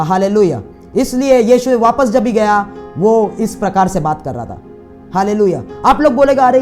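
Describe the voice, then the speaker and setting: A man's voice: sits high, a little mellow. Fervent male pastor preaching. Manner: fervent, peppered with hallelujahs and speaking in tongues. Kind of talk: sermon and prayer.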